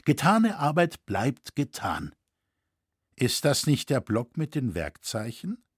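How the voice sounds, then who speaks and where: A man voicing a grieving cathedral master mason in a storybook reading, heavy and subdued, with a husky, slow delivery. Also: mid-range voice, huge pitch swings, no room sound, studio quality, full character voice. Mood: weary.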